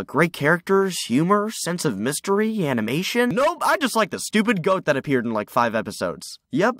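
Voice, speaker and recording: A man's voice: fairly high pitch, a bit bright, no echo. A young man telling stories in a casual, wry, self-mocking way, recorded close in a small closet on a USB microphone. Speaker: animated storytime video creator. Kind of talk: casual comedic storytelling narration. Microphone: USB desktop microphone.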